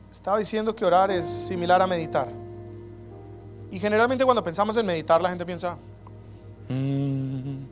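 High-voiced earnest man preaching over music. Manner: earnest, personal, dropping to soft prayerful tones. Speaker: pastor. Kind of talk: sermon on prayer. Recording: music bed under the voice. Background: soft instrumental music.

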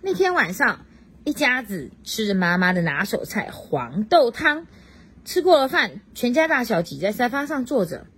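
A high-pitched woman with a husky, breathy edge reads a picture book aloud to a child at home. She leans into the story with lively swoops of voice and breaks off to ask the child questions. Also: normal speed. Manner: expressive, swoops up for excitement, chats with the child. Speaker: parent reading to a child. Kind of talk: animated storybook reading.

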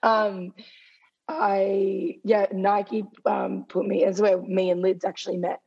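Slow and husky, with medium pitch and little pitch movement, a gravelly-voiced woman in her twenties speaks through dull audio. She's a guest runner being interviewed, losing her voice as she chats away, leaning heavily on "like".

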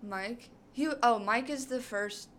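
A woman's voice: fairly high pitch, slow, fairly bright tone, slight background noise. A young woman co-hosting a podcast, recapping a show in casual chat, rambling with many fillers. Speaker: podcast co-host.

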